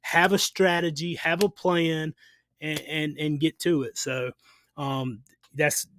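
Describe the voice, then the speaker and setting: A man's voice: fairly high pitch, little pitch movement, slow, fairly bright tone, slight background noise. A man hosting a casual live Q&A, giving plain-spoken advice in a rambling way, with many restarts and fillers. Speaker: livestream host answering viewer questions.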